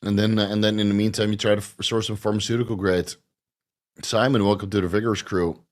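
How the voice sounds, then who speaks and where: Male livestream host, low-ish voice, talky and informal, reads chat and riffs on answers from home. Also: level tone, quick pace. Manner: reads out chat questions, then explains at length with fillers. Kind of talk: casual livestream Q&A.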